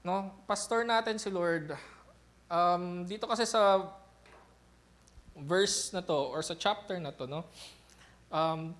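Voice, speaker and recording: A young man delivers a sermon in a loose, talky way, his voice sitting noticeably high for a man. He keeps the congregation close with frequent short tag questions, mixing explanation with everyday asides. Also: slow pace, pauses often, a bit bright. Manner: conversational Taglish preaching with frequent "no?" tag questions. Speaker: pastor.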